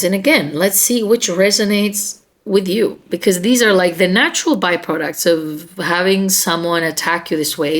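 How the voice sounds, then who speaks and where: A woman talks straight to camera in an earnest, conversational self-help lesson. Her voice sits at a medium pitch, and she often pauses with small fillers. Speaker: self-help video host. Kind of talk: direct-to-camera educational talk.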